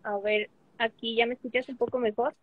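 A woman's voice: on the high side, level tone, fairly quick, phone-quality sound. Mexican woman, glitchy cutting-out call audio. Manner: friendly, chatty, full of fillers. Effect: glitchy audio that keeps cutting out. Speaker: guest. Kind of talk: casual interview over a video call. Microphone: video call.

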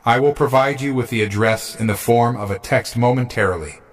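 A man's voice: medium pitch, a little fast, natural voice. A man voicing a male villain's servant speaking on the phone, cool and formally courteous.

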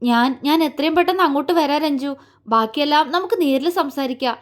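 A woman's voice: high voice, brisk, natural voice. A woman doing a stammering, tearful young man. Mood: shaken, tearful. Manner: stammering, trembling and sobbing. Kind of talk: audio story character voice.

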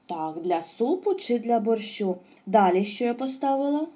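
A woman's voice: fairly high pitch, expressive, moderate pace, dark tone, highs cut off. A woman teaching a lesson to young children, asking questions and answering them herself with praise. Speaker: preschool teacher.

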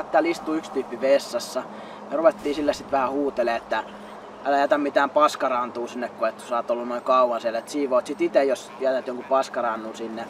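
A young man hosting comedy gaming clips, excitable, often shouting and laughing. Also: mid-range voice, far from the mic, slight background noise. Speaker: channel host.

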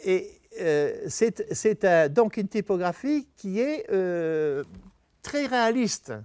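A man's voice: high voice, lively intonation, slow pace, darkish tone, smooth, no echo. A man giving a talk on typography to an audience, explaining step by step and checking in with his listeners. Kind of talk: presentation to an audience. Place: venue talk before an audience.

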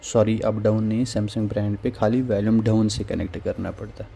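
A gravelly, warm, fairly low voice comes through flat and fairly quick, with slight background noise. The man hosts a phone repair tutorial, casually guiding viewers through a tool in a screen-recorded voice-over and saying "theek hai" again and again.

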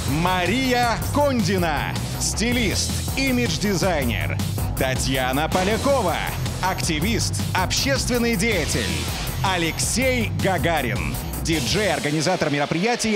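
High-voiced male show announcer. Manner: grand, measured introductions. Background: music.

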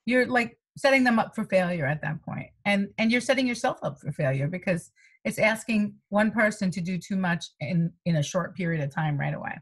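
Talking a little fast, with a medium-pitched voice that has a breathy edge, a middle-aged health coach from the United States rambles through a video-call interview. She's indoors in a small room at home on a webcam, lively, laughing often, and full of "you know" fillers.

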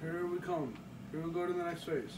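A man casually commenting while playing a video game at home, chatty and talking to himself, with excited outbursts. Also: on the high side, brisk, very noisy. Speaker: gameplay commentator. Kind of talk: casual let's-play commentary. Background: video game music.

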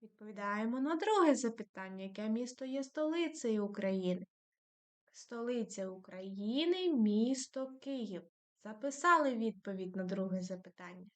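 A woman's voice: fairly high pitch, expressive, normal speed. A woman teaching a primary school lesson to young children, dictating patiently and praising them often.

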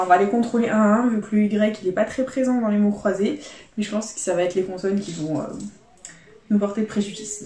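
Woman talking slowly thru her scratch cards, mellow voice, bit of room echo. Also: a little high. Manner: chatty, calls viewers "les amis", spells out letters. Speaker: YouTube scratch-card vlogger. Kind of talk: casual scratch-card commentary.

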